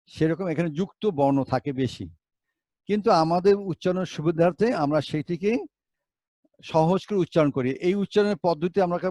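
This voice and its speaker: A man's voice: a little high, darkish tone, no room sound. A male teacher giving a Bengali pronunciation lesson, spelling words out letter by letter and asking rhetorical questions.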